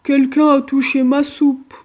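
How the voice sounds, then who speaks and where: Storybook: woman as an outraged big bear, loud, fairly high. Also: level tone, measured pace. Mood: angry.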